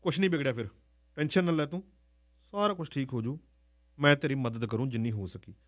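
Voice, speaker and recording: A man's voice: medium pitch, a little fast, soft background music, natural voice. A man voicing a young store worker who speaks in a soothing, coaxing way. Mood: reassuring.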